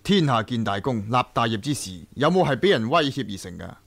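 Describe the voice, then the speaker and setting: Emperor Qianlong, proud and dry. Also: male voice, mid-range voice, very animated, fairly quick, gravelly, a bit bright, no room sound, exaggerated voice. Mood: defiant. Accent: Hong Kong Cantonese. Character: proud, defiant Qing emperor, a man. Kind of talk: Hong Kong radio drama acting.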